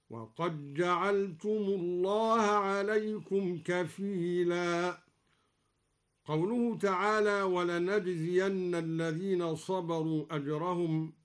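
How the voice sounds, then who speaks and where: A man with a high, lifted voice teaches Quran recitation variants over the radio. He moves at an unhurried pace, explaining each point and then chanting the verse in a drawn-out melodic way.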